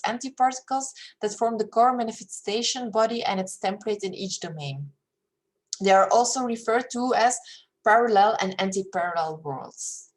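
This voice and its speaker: A Flemish woman from Belgium, Flemish being her first language and audible in her accent, reads a spiritual paper aloud carefully and steadily, dropping into hesitant fillers when she speaks freely. Her pitch is medium, and the audio, captured from a screen-share recording, is poor.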